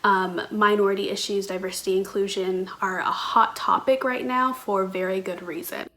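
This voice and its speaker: An American woman giving a deliberate interview statement. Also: mid-range voice, steady tone, pushed and bright. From United States.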